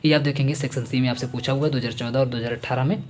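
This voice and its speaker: A man's voice: mid-range voice, steady tone, very fast, a little mellow, slight background noise. Man teaching chemistry in a lecture. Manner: chatty, repeats key points, Hindi mixed with English terms. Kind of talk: exam-focused classroom lecture.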